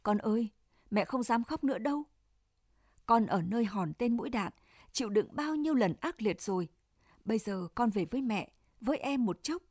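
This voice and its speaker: A woman's voice: a little high, a little mellow, no room sound, studio quality. A woman voicing an anguished middle-aged mother who speaks in a pleading, tightly restrained way.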